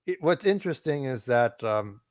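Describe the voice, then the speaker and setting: A man's voice: medium pitch, lively intonation, moderate pace, no echo, studio quality. A man co-hosting a podcast who recounts a news story in a casual way. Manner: explains the story, with many fillers and restarts. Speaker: podcast co-host.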